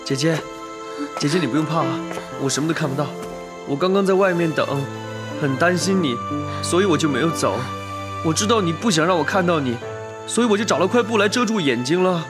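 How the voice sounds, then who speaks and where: Brief: actor as a gentle, loyal young man, lively pitch, soft coaxing delivery, loud score underneath. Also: brisk, music in the background, lightly acted. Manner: soft, coaxing, earnest pleading. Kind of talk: TV drama dialogue. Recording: loud film score behind dialogue.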